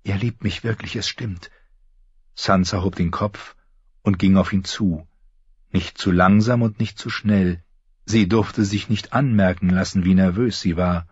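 A man narrating a fantasy audiobook in a measured storytelling manner, in a slightly muffled recording. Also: sits low, fairly even intonation, husky, no room sound. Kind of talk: scripted narration.

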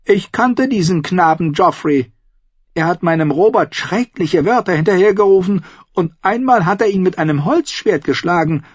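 A man voicing a shrill, imperious middle-aged noblewoman who scolds in a high, vehement voice. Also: lively intonation, moderate pace, slightly rough, no echo, dull audio. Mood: scheming.

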